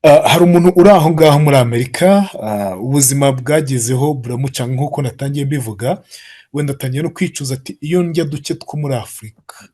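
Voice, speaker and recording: A man's voice: medium pitch, fast talker, dark tone, husky. A man asking the guest a long question, drawing out his words with fillers.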